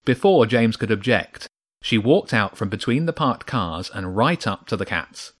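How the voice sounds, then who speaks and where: Low-voiced man reading a story. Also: very animated, unhurried. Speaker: narrator. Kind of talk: storybook narration.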